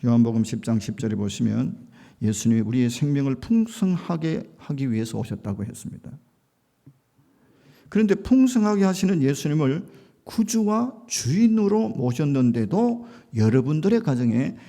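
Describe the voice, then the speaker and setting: A man's voice: mid-range voice, gravelly, mellow. A man preaching a sermon as a pastor, telling a story with rising emphasis and acted-out quotes.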